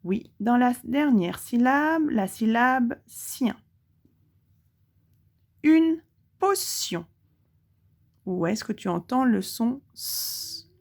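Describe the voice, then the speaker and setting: A woman teaching a lesson for young children with a French accent, speaking clearly and pausing to let the child answer. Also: a little high, a little mellow. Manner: slow, clearly articulated, pauses for the child to answer. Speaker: primary school teacher.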